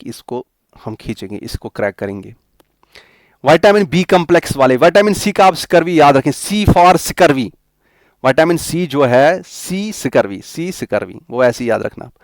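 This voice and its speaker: A man's voice: a little high, no room sound, clean studio sound. A young male teacher coaching students for exams, who repeats and spells out memory tricks step by step. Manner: repeats mnemonics slowly, spelling letters out. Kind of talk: exam coaching lecture.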